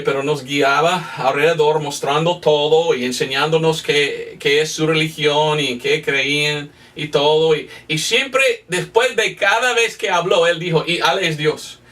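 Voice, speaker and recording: Animated preacher. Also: male voice, a little high, recorded from a distance. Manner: animated, acts out quoted voices. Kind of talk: sermon storytelling.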